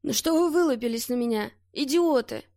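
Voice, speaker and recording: A woman voicing a panicking, bullying armed man who shouts hysterically in a hoarse voice. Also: high voice, expressive, brisk, no room sound, clean studio sound. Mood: furious.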